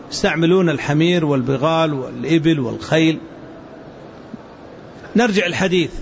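High-voiced man teaching a lesson. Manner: explains word forms slowly, repeats for students. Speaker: religious teacher. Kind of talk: hadith lesson to students. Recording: dull lo-fi with faint hiss.

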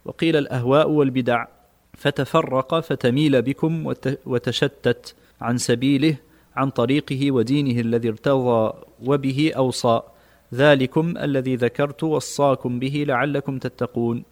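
A man reading classical religious texts aloud in a study session, with steady, measured recitation. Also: medium pitch.

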